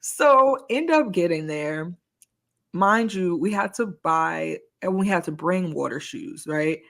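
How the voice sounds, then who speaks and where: A woman co-hosting a podcast, telling a personal story in casual chat, animated and full of "like" and self-mocking laughs. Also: fairly low pitch, slow pace, gravelly. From United States. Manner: animated storyteller, heavy use of "like", laughs at herself. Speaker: podcast co-host.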